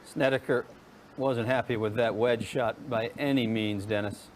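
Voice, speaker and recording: A male golf commentator with a medium-pitched voice calls play live in brief, clipped phrases. Faint ambient noise sits behind him. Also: steady tone, measured pace. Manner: short, clipped observations.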